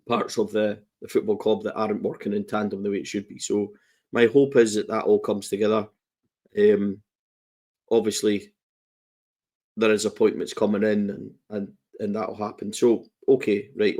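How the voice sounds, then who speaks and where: A Scottish man with a somewhat low voice chats casually about football. He is coughing through a lingering cold. He talks in a loose, rambling way with self-deprecating asides. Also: dark tone. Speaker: podcast co-host.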